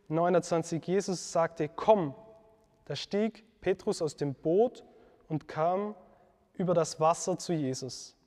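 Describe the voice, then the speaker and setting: A man giving an earnest devotional teaching talk, reflective, pausing with fillers and correcting himself. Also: high voice, darkish tone, in a large hall.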